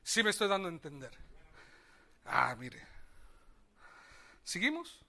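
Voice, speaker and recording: A Mexican pastor preaching in a high, bright voice that rings clearly over the church. He takes his time, swinging from loud cries to low asides and asking the congregation to repeat his words. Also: huge pitch swings, takes it slowly. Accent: Mexican Spanish. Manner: calls on the congregation to repeat after him. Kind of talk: sermon.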